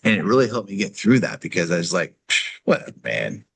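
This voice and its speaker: A man's voice: deep voice, fast talker, breathy edge. A middle-aged man chatting casually as a guest, telling jokey stories and acting out the voices of the people in them. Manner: jokey, storytelling, acts out quoted voices. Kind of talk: casual chat.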